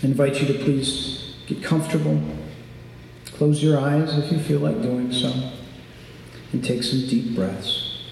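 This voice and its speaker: A man preaching in a large sanctuary, calmly leading a grounding exercise in a measured, reflective way. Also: medium pitch, vocal fry, recorded from a distance. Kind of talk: sermon with a calm, guided grounding exercise. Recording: very echoey large hall, faint noise.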